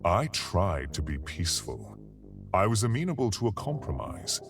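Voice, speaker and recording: Deep-voiced menacing villain acted by a man. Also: huge pitch swings, moderate pace, creaky, exaggerated voice. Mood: cold, menacing. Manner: threatening, contemptuous. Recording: music behind the voice.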